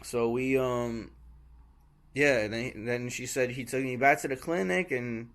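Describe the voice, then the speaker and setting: A man's voice: medium pitch, unhurried. A man casually retelling a travel mishap. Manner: rambling, animated retelling with acted quotes and swearing. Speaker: travel vlogger. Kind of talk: casual storytelling vlog. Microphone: small handheld camera.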